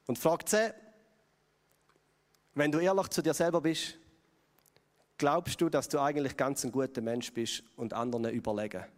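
A man's voice: medium pitch, steady tone, moderate pace, long pauses. Swiss German man preaching in a hall. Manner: conversational, asks the audience questions. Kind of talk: sermon. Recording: long hall reverb.

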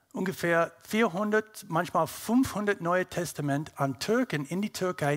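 In a voice on the high side, a middle-aged man from North America offers a personal testimony to an audience. He's a native English speaker talking in German with an English-speaking North American accent, hunting for words as he speaks.

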